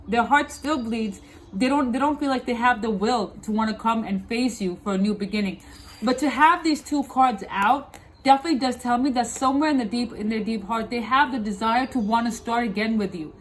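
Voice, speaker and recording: Lisping woman reading tarot, higher voice. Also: slight background noise, rough recording. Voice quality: slight lisp from wearing clear dental aligners. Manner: emphatic and repetitive, often checking in with "okay?". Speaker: tarot reader, host. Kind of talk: tarot reading addressed to viewers.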